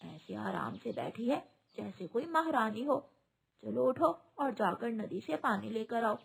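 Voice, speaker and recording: A woman's voice: fairly high pitch, expressive, unhurried, gravelly, exaggerated voice. A woman voicing a harsh, nagging old mother-in-law bird in a cartoon, talking in a sneering, scolding way. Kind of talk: cartoon voice acting.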